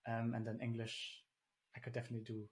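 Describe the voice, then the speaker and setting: Over a video call, a man appears as an interview guest in a casual conversation, rambling with plenty of fillers and restarts. Born in Germany and a native German speaker, he now lives in the Netherlands; his medium-pitched voice is monotone and fast.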